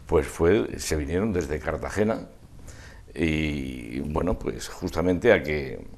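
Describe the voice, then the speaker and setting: An older man reminiscing in an interview, discursive and halting, often trailing off mid-thought. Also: extremely low pitch, vocal fry, a little mellow. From Spain. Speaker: interview guest, festival proclamation speaker.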